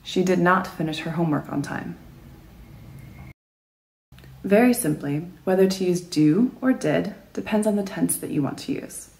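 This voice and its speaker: A woman narrating a scripted English grammar lesson in a clear, even explanatory way. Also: on the low side, normal speed, pauses often. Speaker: English teacher.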